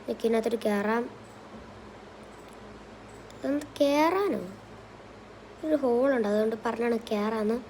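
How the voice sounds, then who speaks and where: A woman's voice: on the high side, steady tone, quick pace, few pauses, dark tone, a little hiss or hum, low-quality recording. A woman narrating and voicing a comic gangster game story. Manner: playful, switches between character voices. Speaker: gaming channel narrator voicing characters.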